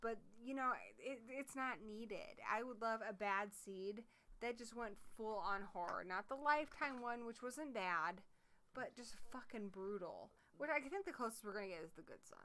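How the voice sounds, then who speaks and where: A woman's voice: on the high side, animated, normal speed, bright, forceful tone. A woman co-hosting a horror livestream in casual chat, talking with enthusiasm and swearing freely.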